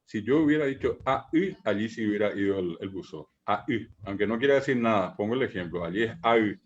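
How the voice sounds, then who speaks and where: A man teaching a language class online, patiently repeating examples, pausing on fillers and checking in with his students. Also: lowish voice, lively intonation. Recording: muffled online call audio.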